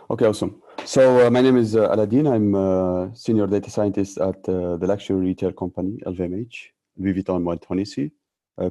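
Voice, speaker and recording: A man giving a technical tutorial on a video call, speaking haltingly with frequent filled pauses. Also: low voice, warm tone. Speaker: tutorial presenter, data scientist. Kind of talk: technical presentation with screen sharing.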